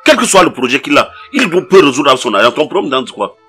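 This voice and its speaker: Man playing a stern family elder, lively, bright voice, admonishing. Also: medium pitch, fast, breathy edge, faint music behind, heavily acted. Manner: admonishing, firm. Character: stern older male relative mediating. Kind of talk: comedy sketch acting.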